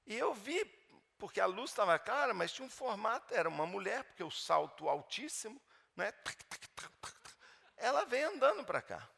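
A middle-aged man preaching, telling a personal story with fervor, swinging between loud emphatic preaching and hushed storytelling. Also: high voice, very animated, a little fast, creaky. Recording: long hall reverb.

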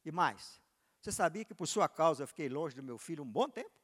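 A man's voice: on the high side, expressive, fairly quick, big-room sound. A man preaching a sermon, telling a personal story and acting out its dialogue with big swings in voice and volume. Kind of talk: sermon with acted testimony.

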